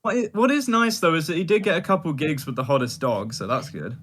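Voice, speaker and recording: A man in a relaxed podcast chat with friends, swearing casually. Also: fairly high pitch, fast talker. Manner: laid-back, swears casually. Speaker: podcast co-host.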